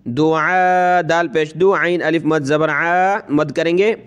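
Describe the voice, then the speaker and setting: A man with a Pakistani Urdu accent teaching Quran reading, drawing out each recited word slowly and breaking it into letters and vowel marks, with quicker spoken explanations in between. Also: a little high, steady tone, smooth. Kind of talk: spelled-out recitation lesson.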